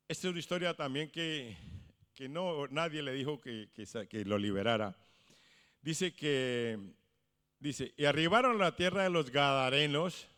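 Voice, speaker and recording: A male pastor preaching a sermon, swinging from hushed lines to loud exclamations. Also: mid-range voice, big-room sound. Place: church.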